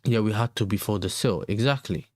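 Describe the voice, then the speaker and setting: Speaking at a quick pace in a lowish voice, he comes through with studio quality and no echo. He's a Dutchman with a London accent who hosts a football livestream, answering viewers in casual, slangy talk that keeps repeating itself.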